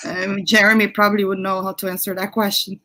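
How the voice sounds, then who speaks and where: A young woman from Brazil talks casually as an interview guest. Her voice is bright and clear. She chats easily, laughs often and restarts her sentences. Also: medium pitch, level tone, quick pace. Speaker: guest, YouTube creator.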